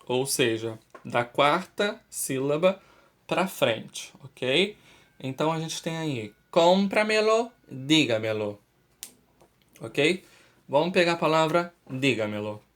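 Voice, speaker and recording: A man with a Brazilian Portuguese accent teaching a Spanish lesson to school students, explaining slowly and often checking understanding with "ok?". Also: fairly high pitch, expressive, fairly bright tone. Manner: slow and deliberate, checks understanding with "ok?".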